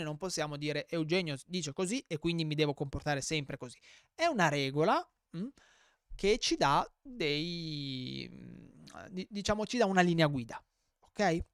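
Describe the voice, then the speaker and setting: Smooth-voiced man, joking podcast host. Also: on the high side, no room sound, clean studio sound. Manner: joking, self-mocking asides. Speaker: podcast host and self-defense instructor. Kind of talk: solo podcast talk.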